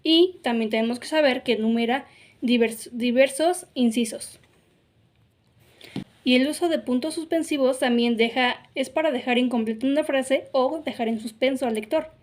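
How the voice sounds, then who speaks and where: A woman's voice: high voice, normal speed. A woman giving a grammar lesson, explaining step by step and checking in with "ok?" and "claro". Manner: explanatory, frequent "ok?" and "claro" fillers. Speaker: teacher.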